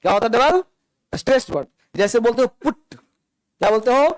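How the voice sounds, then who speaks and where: A male teacher, giving a classroom grammar lesson and explaining slowly while he drills his students through repeated examples. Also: very high-pitched, lively intonation, no room sound, rough recording.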